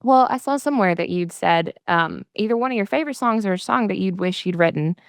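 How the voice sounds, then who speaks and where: A woman's voice: medium pitch, expressive, fast, clear, resonant tone, no room sound, studio quality. A woman from Southern Indiana hosting a casual interview, chatting in an effusive, agreeable way. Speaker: interviewer, host.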